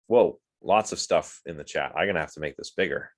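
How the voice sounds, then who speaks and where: A man with a bass voice speaks fairly quickly while giving a casual online lecture over a video call, responding to the chat as he goes. Allergies make him sniffly, and he rambles with plenty of fillers and restarts.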